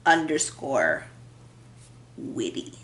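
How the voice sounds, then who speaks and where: A woman's voice: rumbling low, big pitch swings, very slow, fairly bright tone. A woman chatting casually to her camera at home, rambling, self-deprecating and laughing often. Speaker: vlogger. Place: room at home. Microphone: built-in camera mic. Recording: echoey room.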